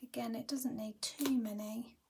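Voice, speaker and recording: Speaking at a normal speed, a woman with a fairly high, steady, somewhat mellow voice runs a chatty card-making tutorial, though her voice has turned croaky. She often murmurs half-whispered asides while working, and a faint hiss or hum is audible.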